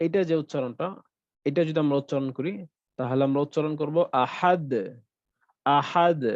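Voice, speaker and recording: A man teaching a tajweed class online, explaining rules in a patient, repetitive way and chanting drawn-out examples. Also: fairly high pitch, darkish tone, no room sound, muffled recording. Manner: explains slowly, repeats terms, chants Arabic examples drawn out. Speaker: Quran recitation teacher.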